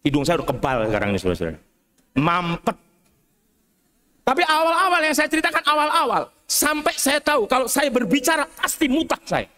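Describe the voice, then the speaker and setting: High-voiced priest telling stories in a sermon. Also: male voice, fairly quick. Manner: lively storytelling with humorous asides, often calling out to the congregation. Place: cathedral church.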